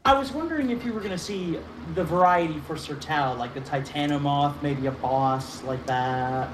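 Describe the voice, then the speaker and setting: A man phones in over voice chat to ask the hosts a question. He sounds roomy and distant, with clear noise under his voice. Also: fairly high pitch, normal speed. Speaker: caller.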